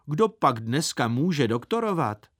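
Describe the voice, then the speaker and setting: A man voicing a stingy, nagging middle-aged aunt in a very thin, high, scolding voice for a storybook reading. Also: big pitch swings, no echo, studio quality. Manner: scolding and preachy.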